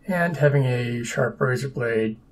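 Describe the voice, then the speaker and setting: A man's voice: medium pitch, measured pace. A man narrating his own papercraft build in a casual, dry, sarcastic and self-deprecating way. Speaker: papercraft hobbyist.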